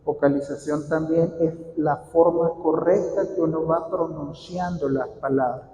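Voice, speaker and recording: A man with a fairly high but warm, mellow voice leads a casual workshop for church readers. He repeats his key points and turns to questions from the room as he goes. The sound rings out with the long reverb of a large hall. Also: steady tone, measured pace, a little hiss or hum. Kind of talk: informal instructional talk to a group.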